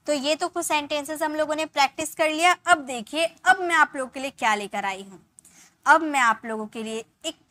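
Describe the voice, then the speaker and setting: Bright high-voiced Indian woman teaching English. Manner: explains step by step, repeats example sentences and asks the class to answer. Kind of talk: spoken English lesson.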